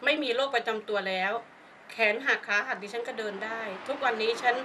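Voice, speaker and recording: An older woman giving a spoken testimonial, telling her story in an animated way and acting out the voices of the people in it. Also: a little high, fairly quick. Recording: distant mic with faint background noise.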